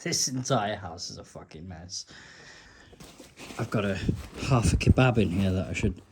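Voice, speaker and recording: A man's voice: low voice, normal speed, noisy background. A man vlogging with a phone, talking in a rambling, tipsy way and swearing now and then. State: drunk. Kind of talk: casual vlog narration. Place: bus, street and home.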